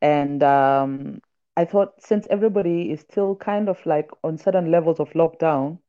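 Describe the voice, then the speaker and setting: A woman writer who is a podcast guest, chatting in a lively storytelling way and reading aloud from her book. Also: low-pitched, moderate pace, muffled recording.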